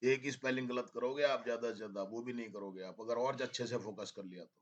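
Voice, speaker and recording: This man speaks quickly in a medium pitch with fairly even intonation while leading a class through English spelling dictation. He spells words letter by letter and teases the students slightly, captured on a dull, lo-fi classroom recording.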